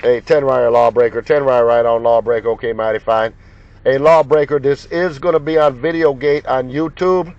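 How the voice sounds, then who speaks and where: Over muffled, lo-fi CB radio full of loud noise and clicks, a male operator trades repetitive, jocular, folksy banter, repeating call signs in slang. He speaks at a moderate pace in a steady, mid-range voice.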